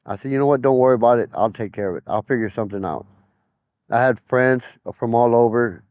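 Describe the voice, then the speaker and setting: A man's voice: mid-range voice, fairly quick, a little mellow, dry recording, clean studio sound. A middle-aged man giving personal testimony in an interview, plain-spoken, often retelling conversations as quoted dialogue.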